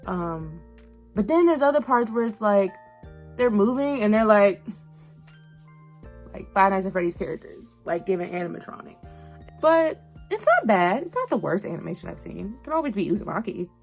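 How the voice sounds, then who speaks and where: This YouTube host, a young adult woman, reviews an animated series at a normal speed in a mid-range voice with vocal fry. She talks in a slangy, emphatic, conversational manner, full of animation and repeated phrases for emphasis, while music plays in the background.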